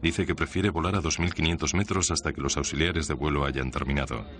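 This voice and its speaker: A man reading a scripted documentary narration in a measured, serious way. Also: rumbling low, fairly even intonation. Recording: music under the voice. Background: background music.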